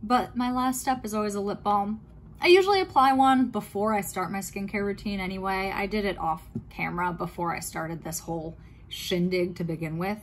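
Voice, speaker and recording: A woman's voice: medium pitch, moderate pace, a little hiss or hum. A woman talking casually through her nighttime skincare routine in a chatty, meandering way, with fillers and small self-corrections. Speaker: skincare vlogger. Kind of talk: casual talk-through while doing skincare.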